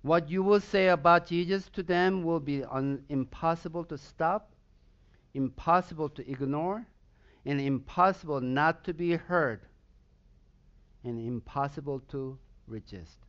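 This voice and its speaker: Preaching a sermon in Swedish-accented speech, this pastor from Southern Sweden speaks Swedish as his first language and breaks into emphatic bursts of intensity. His voice is slightly high and his pace measured, and the recording has its highs cut off.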